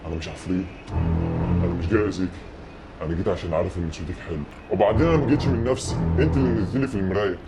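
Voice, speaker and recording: Possessive mirror spirit, voiced by a man, Egyptian accent, low voice, loud music. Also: very fast, natural voice. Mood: soothing. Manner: smooth, then clingy and possessive.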